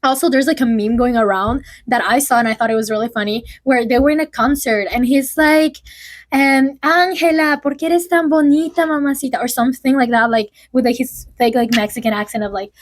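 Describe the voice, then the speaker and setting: Young adult woman, slightly high voice, casual gossipy vlog delivery full of fillers. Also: a little fast, few pauses. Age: early 20s. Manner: chatty, filler-heavy, lots of "like". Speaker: vlogger.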